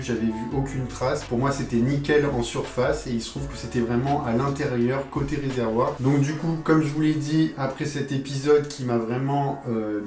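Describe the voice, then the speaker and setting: A man's voice: medium pitch, a little mellow. A man giving a casual, candid project update as a vlogger, explaining things plainly to his viewers. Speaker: vlogger presenting a moped restoration project. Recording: echoey, reverberant room.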